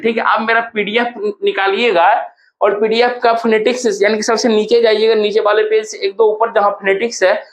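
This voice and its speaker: A man's voice: sits high, a little hiss or hum. A male teacher with a Bihar Hindi accent walking students through exam answers in a casual, encouraging way. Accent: Hindi-speaking Bihar. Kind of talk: exam solution walkthrough.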